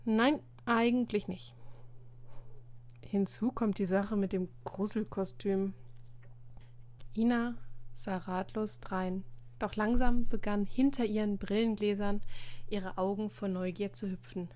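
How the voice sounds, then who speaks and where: Lady reading a story out loud, calm and even, middle pitch. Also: a little slow. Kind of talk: story read aloud.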